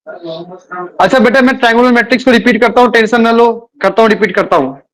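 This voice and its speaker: Male math teacher, high voice, repetitive and direct with students. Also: a bit bright. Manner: repeats words, addresses students as beta; admits speaking fast. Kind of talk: live online class lecture.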